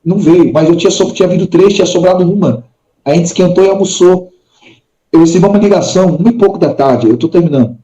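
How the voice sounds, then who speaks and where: Brazilian man, podcast guest, earnest testimony, mellow tone, dull lo-fi recording. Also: high voice, quick pace, echoey room. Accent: Brazilian Portuguese. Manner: earnest, acts out dialogue in the story. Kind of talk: personal faith testimony. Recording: dull lo-fi sound.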